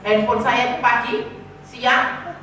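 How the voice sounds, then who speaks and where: A woman preacher giving a lively sermon, teasing and calling out to her congregation. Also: a little high, takes it slowly, slight background noise. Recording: echoey church hall from far off.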